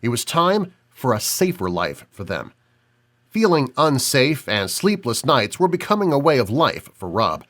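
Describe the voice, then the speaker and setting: A man narrating a suspense audiobook in a measured, dramatic way, dropping low on key words. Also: big pitch swings, a bit bright.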